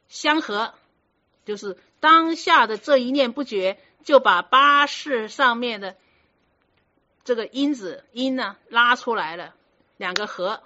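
Woman, Buddhist teacher, dharma talk, firm, rhetorical questions, bright tone, dull lo-fi sound. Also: fairly high pitch. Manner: conversational, rhetorical questions to the listeners; firm, instructive. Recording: muffled lo-fi recording.

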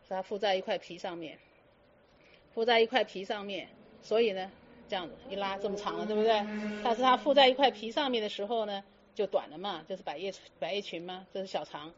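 A woman's voice: medium pitch, fairly quick, lo-fi sound, slight background noise. A woman giving a Buddhist dharma talk to students, firing teasing rhetorical questions and slipping in English words. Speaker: Buddhist teacher.

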